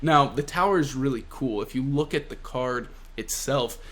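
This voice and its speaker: A young man casually and excitedly recapping a manga chapter, full of slang and fillers. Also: medium pitch, moderate pace. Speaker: manga reviewer.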